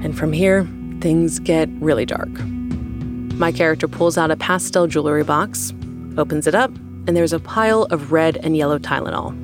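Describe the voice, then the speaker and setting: A woman's voice: deep voice, normal speed, loud music behind the voice. A woman in her thirties hosting a podcast, mixing scripted narration with casual talk. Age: 30s. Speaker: podcast host.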